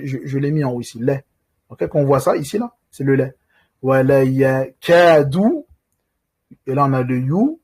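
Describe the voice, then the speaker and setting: A man teaching reading in a recorded lesson, patiently walking through each point and slowly stretching out sounds to model how they are said. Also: mid-range voice, a little mellow, breathy edge.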